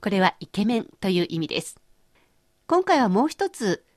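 Woman teaching a language on radio, bouncy pitch, dry studio sound. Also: big pitch swings, normal speed, a little mellow, no echo. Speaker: language course host.

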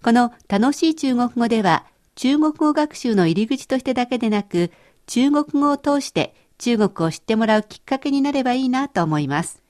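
A woman's voice: a little high, expressive, normal speed, darkish tone. A woman co-hosting a scripted language lesson, explaining phrases in a conversational way. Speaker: language teacher co-host.

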